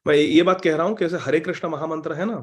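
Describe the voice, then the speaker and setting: A man's voice: on the high side, steady tone, fast. A man teaching an online scripture class, mixing Hindi and English, patient and explanatory. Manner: patient, explanatory, emphatic when making a point.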